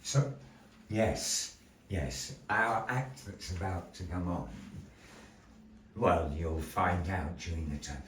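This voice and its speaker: This man has a deep, slightly bright voice and speaks slowly, leaving long pauses. He's narrating a live puppet show in a gallery, playful and theatrical, talking with the crowd between parts of the tale. Captured by a distant mic in an echoey room, the recording carries slight background noise.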